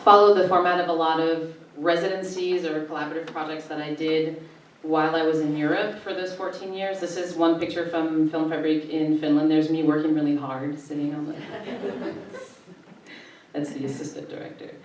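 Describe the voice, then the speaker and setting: Woman in her 40s, low voice, easygoing panel speaker, heard from a distance in an echoey gallery. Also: moderate pace, a little hiss or hum. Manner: relaxed, conversational, presenting slides. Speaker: panelist, filmmaker and festival director. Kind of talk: panel talk with slides. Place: art gallery. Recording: echoey gallery room from far off.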